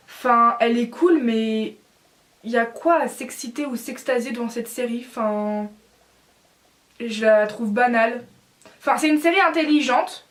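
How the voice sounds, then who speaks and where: A young woman in a casual opinion vlog, talking bluntly and with feeling, with many fillers. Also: on the high side. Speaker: vlogger.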